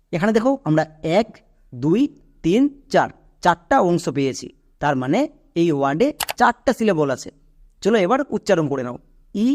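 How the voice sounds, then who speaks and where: A man with a Bengali accent gives a classroom-style English lesson in a fairly high voice. He works through each point step by step and speaks directly to the learner, asking questions and then answering them himself. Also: darkish tone. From Bangladesh or West Bengal. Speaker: English teacher.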